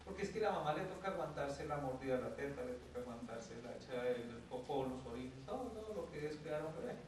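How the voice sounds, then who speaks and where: A man's voice: mid-range voice, animated, fast talker, noisy background. Colombian man lecturing in an echoey room. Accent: Colombian Spanish. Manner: conversational, often checks in with "¿sí?", acts out quoted mothers. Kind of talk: lecture to an audience. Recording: very echoey room, mic far off, faint ambience.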